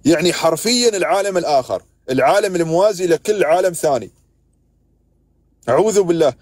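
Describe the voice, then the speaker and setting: A man's voice: on the high side, expressive, fast talker, a little mellow, dry recording. Exasperated Emirati man hosting a live stream. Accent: Emirati Arabic. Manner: exasperated, scolding, keeps interrupting callers. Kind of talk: heated live stream debate.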